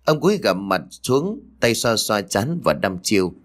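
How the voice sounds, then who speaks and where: Sex: man. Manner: low, expressive ghost-story narration. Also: unhurried. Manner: dramatic, expressive reading.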